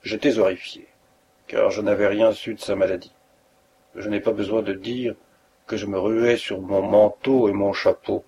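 A man reading a detective story aloud as an audiobook narrator, in a measured storytelling manner. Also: lowish voice, little pitch movement, mellow, muffled recording, a little hiss or hum.

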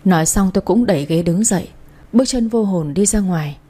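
Husky woman narrating a sad story. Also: mid-range voice, fairly quick, mellow. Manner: sorrowful, reflective. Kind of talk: first-person storybook narration.

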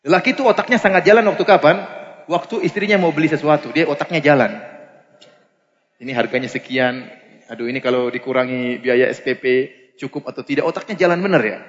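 A man preaching, lively and humorous, often asking the audience questions. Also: sits high. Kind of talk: Islamic lecture. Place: mosque lecture hall. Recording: muffled lecture recording in a reverberant hall.

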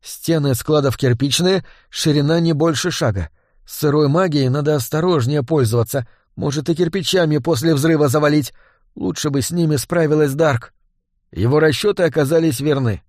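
A man narrating a gritty story in a steady, even reading voice. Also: fairly high pitch, normal speed, dry recording, clean studio sound. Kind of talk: audiobook narration.

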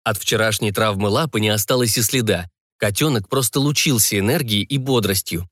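A man narrating a fantasy audiobook in an expressive storytelling manner. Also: lowish voice, brisk, no room sound, studio quality.

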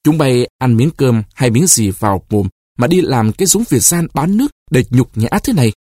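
A man's voice: medium pitch, big pitch swings, normal speed, warm tone, breathy edge, no echo, studio quality. A man voicing a proud, anxious old male villager in a read-aloud short story, stammering when shaken. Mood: bitter. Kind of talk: audiobook reading of a short story.

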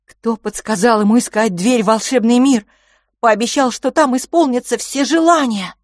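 A woman performs the part of a stern, cold elder twin brother who talks sharply and reproachfully. Her voice is a little high and pitched above her natural voice, yet stays close to everyday speech, at normal speed. The studio recording is clean, with no room sound.

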